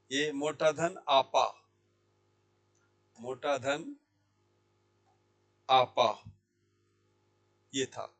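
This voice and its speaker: A male Hindi teacher giving a grammar lesson, his voice sitting a bit higher than most men's. He keeps asking the class a question and then answering it himself, and he says each key word slowly, more than once. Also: fairly bright tone. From India. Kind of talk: classroom lesson explaining sandhi. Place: Jaipur language institute.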